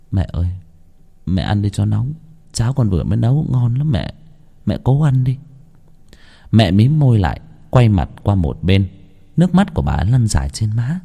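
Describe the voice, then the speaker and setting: A man's voice: fairly low pitch, dark tone, slightly rough. A man narrating a first-person horror story in an emotional, dramatic storytelling manner.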